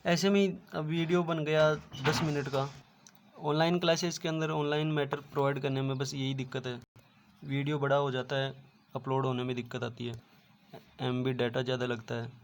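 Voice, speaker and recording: A man's voice: mid-range voice, flat delivery, normal speed, slight background noise. A man teaching an online class, explaining step by step and often repeating filler words. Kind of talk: online lecture.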